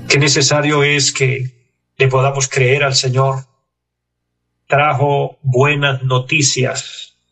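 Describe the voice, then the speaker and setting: A man delivers an exhorting radio sermon, pausing between short phrases. His voice sits at an ordinary middle pitch. He sounds set back from the microphone. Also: level tone, a bit bright. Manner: earnest, exhorting, measured phrases with pauses. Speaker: preacher. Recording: distant from the mic.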